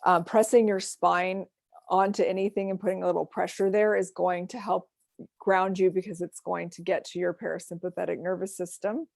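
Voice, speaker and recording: A woman leads a self-care workshop over a video call, her voice carrying a gravelly fry. She explains things gently, pausing on ums and uhs, and the sound is close and dry with no room around it. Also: on the low side, little pitch movement, dry recording. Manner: gentle, explanatory, with frequent fillers. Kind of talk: online workshop presentation.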